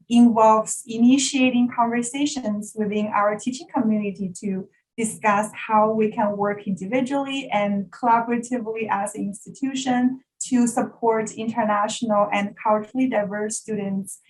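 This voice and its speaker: In a rough recording, a Chinese woman whose native language is Mandarin speaks with a Mandarin Chinese accent at a medium pitch, in a steady tone and at a moderate pace. As facilitator and educational developer, she politely and formally introduces an online workshop in a prepared presentation. The setting is an online video call session.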